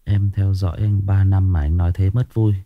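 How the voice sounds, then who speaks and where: A man's voice: sits low, flat delivery, moderate pace, narrow, tinny audio. A man, hosting a ghost story channel and chatting casually with his viewers on a livestream. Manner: chatty, addresses viewers as younger brothers, gets agitated and shouting.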